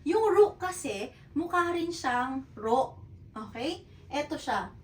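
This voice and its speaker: Woman teacher, high voice, unhurried, patient and repetitive, echoey room, a little off-mic. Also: expressive, recorded from a distance, slight background noise. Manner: patient, repeats and checks with "okay?". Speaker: Japanese teacher. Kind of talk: hiragana lesson in Tagalog mixed with English.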